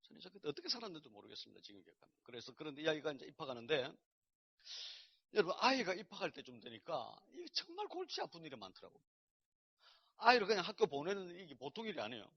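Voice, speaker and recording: A male pastor telling a personal testimony in a sermon, swinging between loud outbursts and hushed asides. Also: fairly high pitch, wildly swooping pitch, fast talker, gravelly, husky. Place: church lecture hall. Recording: dull lo-fi recording.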